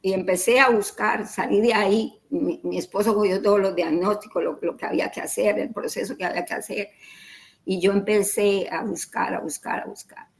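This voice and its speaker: A woman's voice: medium pitch, steady tone, fairly quick, creaky, poor audio. A middle-aged woman telling her personal story in an interview, acting out the dialogue in quoted voices and repeating words as she goes. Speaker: interview guest.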